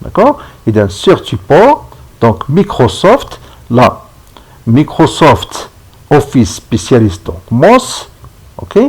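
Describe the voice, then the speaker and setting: A man talks through a screen-recorded computer tutorial, slowly and patiently, often stopping to ask if viewers are following. His voice is somewhat husky and lively in pitch, recorded on a computer microphone. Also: poor audio. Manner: slow, step-by-step, checks in with "d'accord?". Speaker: instructor.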